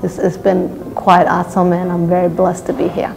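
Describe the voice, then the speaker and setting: A woman with a low, gravelly voice speaks in a flat, relaxed way, dotting her phrases with fillers. The recording has a long reverb and a faint hiss behind her. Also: moderate pace, faint music behind. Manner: relaxed, with frequent "um" and "uh". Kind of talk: interview testimonial.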